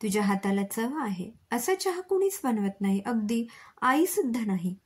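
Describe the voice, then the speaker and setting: A woman voicing a stern, work-weary middle-aged father in a storybook reading, with a breathy voice. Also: on the high side, expressive, normal speed.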